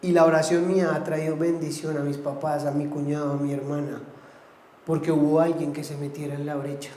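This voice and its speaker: Male pastor, high-ish voice, fervent preaching in a reverberant church. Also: little pitch movement, fairly quick, mellow, a little hiss or hum. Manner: impassioned preaching, rising to emphatic pleas. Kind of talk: sermon.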